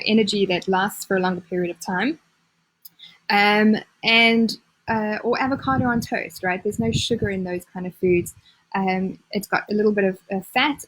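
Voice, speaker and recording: Woman nutrition coach, breathy, casual live-stream chat, chatty and upbeat. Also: medium pitch, poor audio. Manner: chatty, many "um"s and restarts, upbeat asides.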